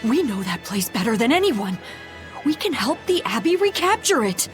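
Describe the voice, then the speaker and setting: An actress playing a distraught, bitter refugee in a video game, with earnest dramatic delivery. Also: female voice, a little high, big pitch swings, normal speed, faint music behind. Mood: bitter resolve. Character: distraught, bitter female refugee from overrun town.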